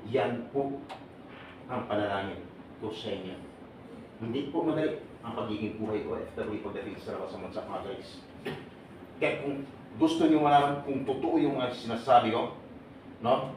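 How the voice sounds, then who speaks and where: A man's voice: medium pitch, animated, moderate pace, pauses often, darkish tone. A man leads a seminar for a live crowd, bantering, laughing and throwing questions at the listeners. His voice sits in the middle range and comes from some distance from the mic, caught in a large echoing hall with faint noise underneath. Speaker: seminar speaker for overseas workers. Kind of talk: lively seminar talk to a live audience. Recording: echoey hall, voice from far off.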